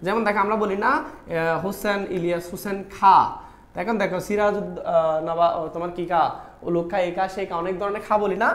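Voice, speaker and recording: A male online tutor with a quick, high-pitched voice and fairly even intonation explains spelling questions in a live Bangla admission-test class, recorded in an echoey room. Repeating "dekho" frequently, he talks directly to students, quizzes them constantly, and answers his own questions.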